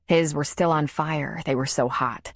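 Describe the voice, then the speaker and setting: Low-voiced woman reading an audiobook. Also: measured pace, no room sound, clean studio sound. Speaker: audiobook narrator. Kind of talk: scripted narration.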